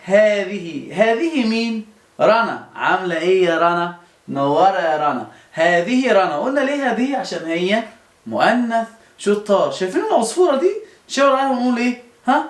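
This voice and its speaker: A man's voice: sits high, lively intonation, normal speed. A man with an Egyptian accent teaching young children, coaxing them with repeated questions and answers. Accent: Egyptian Arabic. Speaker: primary school teacher. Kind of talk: children's lesson. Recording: roomy echo.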